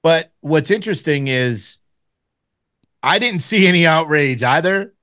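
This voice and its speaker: A man's voice: a little high, expressive, a little slow, pushed and bright. A man co-hosting a wrestling podcast, reasoning through his opinion. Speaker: podcast co-host. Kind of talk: casual wrestling podcast chat.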